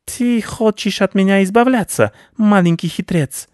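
For a storybook reading, a man voices a pompous, vicious rat baron who speaks in broken grammar, sounding haughty and blustering. His delivery is high and a little mellow, at a moderate pace, pitched above his own voice yet close to an everyday one. The sound is clean studio audio with no echo.

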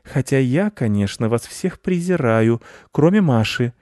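A man's voice: mid-range voice, lively intonation, unhurried, a little mellow, dry recording, studio quality, voice pushed up, lightly acted. A man doing a haughty, snooty female cat. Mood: disdainful. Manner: coy and disdainful.

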